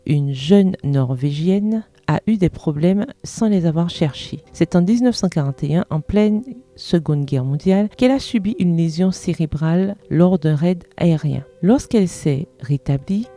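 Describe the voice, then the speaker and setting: Low, very dark female reader, measured earnest devotional delivery. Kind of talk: read devotional meditation.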